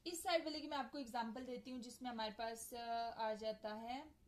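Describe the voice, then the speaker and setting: A young woman teaching a lecture in a casual, patient way, spelling words out letter by letter and often asking if the point is clear. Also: a little high, steady tone, normal speed, low-quality recording. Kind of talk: casual lecture, code-switching with English terms.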